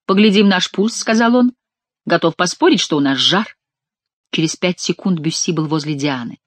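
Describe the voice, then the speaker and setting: A man narrating a classic adventure novel as an audiobook, reading expressively and dropping to hushed tones in tender scenes. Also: high voice, moderate pace, dry recording.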